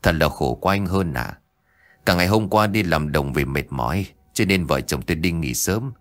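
A man's voice: low voice, lively intonation, moderate pace, no echo, clean studio sound. A man voicing a worried middle-aged village mother in a spoken ghost story, pleading and tearful.

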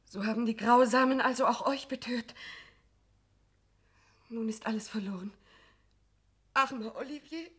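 A woman's voice: very high voice, lively intonation, a little slow, a bit bright, heavily acted. A woman playing a distraught young woman in a radio drama, pleading in fluttering, wailing cries for help. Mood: desperate pleading. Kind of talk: German literary radio drama.

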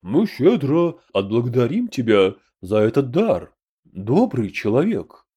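A calm, stately emperor speaks of himself as "we", as a man reads him in an audiobook. The voice is mellow and low, and his pitch moves freely through each line. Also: unhurried, breathy edge. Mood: dignified. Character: grand portly human emperor, calm and principled.

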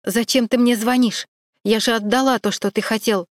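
A woman voicing a frightened young woman who hides her fear behind sharp, defiant retorts. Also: mid-range voice, fairly even intonation, normal speed, no echo, studio quality, lightly acted.

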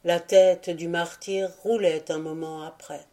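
A woman narrating a history audiobook in a measured, solemn way. Her voice sits a little low and sounds dark and mellow. The delivery is steady and unhurried. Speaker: audiobook reader. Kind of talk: scripted narration of a history book.

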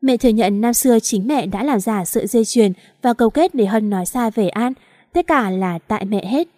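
A woman's voice: fairly high pitch, moderate pace, dark tone, dry recording, clean studio sound, lightly acted. A woman voicing a domineering older mother, now imploring and full of regret. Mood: remorseful.

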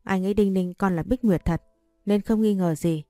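A woman's voice: medium pitch, moderate pace, dark tone, dry recording, studio quality, faint music behind, natural voice. A woman reading a sly young impostor wife.

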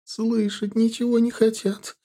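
A man's voice: very high voice, flat delivery, measured pace, warm tone, voice pushed up, full character voice. A man voicing a distraught, weepy middle-aged mother who pleads in a plaintive voice. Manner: plaintive, sobbing.

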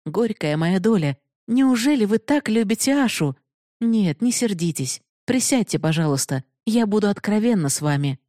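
A woman's voice: mid-range voice, lively intonation, normal speed, mellow, no room sound, clean studio sound, pitched above the performer's own voice, close to an everyday voice. Woman reading as a proud, passionate young woman. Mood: pleading, bitter. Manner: emotional, pleading, bitter.

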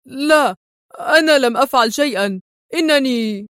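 A man's voice: high-pitched, moderate pace, a bit bright, no room sound, clean studio sound. A woman voicing a jittery, easily stirred Palestinian man who sounds jumpy and eager. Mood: panicked.

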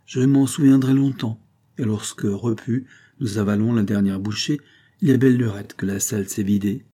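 Man narrating a novel, low, dark, husky voice, measured first-person read. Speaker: audiobook narrator.

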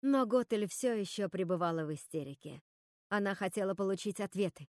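A woman's voice: mid-range voice, fairly quick, dry recording, clean studio sound. A woman reading a fairy-tale story aloud, narrating with expression. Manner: expressive, shifts voice between characters. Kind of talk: storybook reading with character voices.

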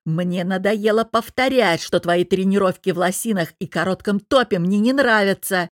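A woman reads a domineering young businessman husband, furious and jealous. He growls and snaps each line slowly and loudly, a touch below the reader's usual pitch. The sound is close and dry. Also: fairly even intonation, no room sound, close to an everyday voice. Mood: angry shouting. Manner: growling, barking, hissing through teeth.

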